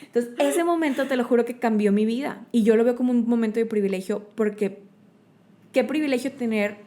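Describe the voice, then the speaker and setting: Here a Monterrey woman with a Mexican Spanish accent recounts stories as a guest in a conversational interview, lively and peppered with fillers and tag questions. Her voice is a little high and dark-toned, and she talks slightly fast. A faint hiss or hum sits under the recording.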